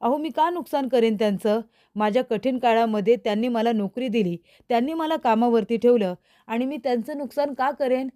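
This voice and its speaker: A defensive young man pleading that he did nothing wrong, read by a woman narrator. His questions come fairly high-pitched, in her own plain voice. It is a spoken recap of a TV serial. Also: fairly quick, mellow, lightly acted.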